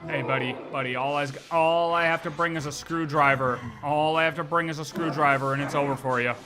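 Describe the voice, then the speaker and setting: This livestreamer delivers casual, playful game commentary live, with game music playing behind him. His voice sits on the high side with fairly even intonation, and he talks fairly quickly, breaking into exclamations and addressing the characters directly.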